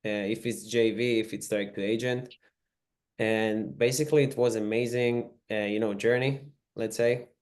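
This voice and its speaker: Israeli-accented young man, low voice. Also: steady tone, moderate pace, darkish tone, clear, resonant tone. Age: 20s. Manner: eager, non-native phrasing with fillers. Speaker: guest, real estate investor. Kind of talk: casual podcast interview. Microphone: video call.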